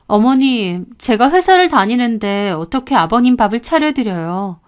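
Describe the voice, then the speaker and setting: A woman's voice: on the high side, expressive, normal speed, clean tone. A woman in her thirties narrating her own story as a daughter-in-law, indignant and complaining, acting out the dialogue.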